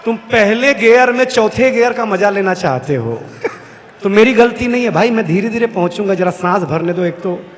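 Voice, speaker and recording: A man's voice: high-pitched, fairly bright tone. A man performing comic poetry on stage, bantering with the crowd while his microphone sends out a heavy echo through a large hall. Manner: bantering, teasing the crowd and the sound crew. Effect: heavy echo on the hall mic. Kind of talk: stand-up poetry recital, joking with the audience. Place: large hall at a live event. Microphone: stage microphone with a sound system. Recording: echoey hall, faint background hum.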